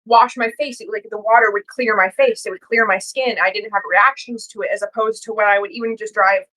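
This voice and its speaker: A podcast co-host chats casually, telling rambling stories in an earnest, emphatic way. Her mid-range voice is pushed and bright, with fairly even intonation and a brisk pace, on a low-quality recording.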